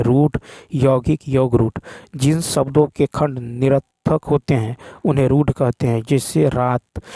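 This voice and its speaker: Gravelly-voiced male teacher explaining exam answers. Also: mid-range voice, mellow, dry recording. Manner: explanatory, repeats key points with "ठीक है".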